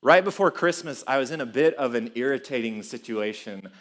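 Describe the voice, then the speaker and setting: A man's voice: mid-range voice, fairly quick. Casual young man preaching, chuckling often. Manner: casual, chuckling, animated storytelling. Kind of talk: sermon.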